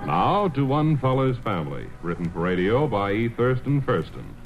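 A man's voice: mid-range voice, big pitch swings, moderate pace. A male comedian playing a pompous, mock-solemn soap-opera announcer in an old radio parody. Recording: dull old radio, loud music and crowd.

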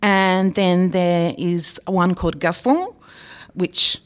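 A woman's voice: lowish voice, normal speed. A woman, co-hosting a local news podcast in a chatty, upbeat way. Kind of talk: casual chat.

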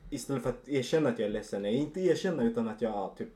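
A man's voice: mid-range voice, animated, warm tone. A man in a casual podcast chat, speaking candidly and reflectively about his feelings. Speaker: podcast co-host.

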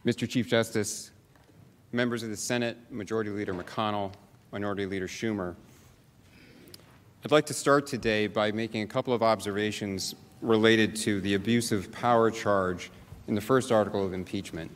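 Male lawyer, formal address, low voice, big reverberant room. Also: steady tone, normal speed. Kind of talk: formal legal argument speech. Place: large indoor legislative chamber. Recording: echoey hall, some background noise.

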